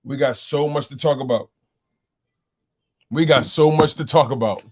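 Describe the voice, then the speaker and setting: A man of medium pitch talking at a normal speed, his voice slightly rough and scratchy from a bit of throat irritation. As host of a casual live sports call-in show, he exclaims, welcomes viewers in the chat and repeats himself.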